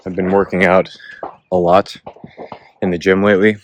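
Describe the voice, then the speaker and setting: A man's voice: low voice, level tone, moderate pace. A man vlogging while he hikes, a little out of breath, talking in a rambling, laid-back way with lots of filler words. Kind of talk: casual vlog talk while hiking. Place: outdoors on a hiking trail. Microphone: self-filming camera. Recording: noisy outdoor recording, gunfire. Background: distant gunfire from a shooting range.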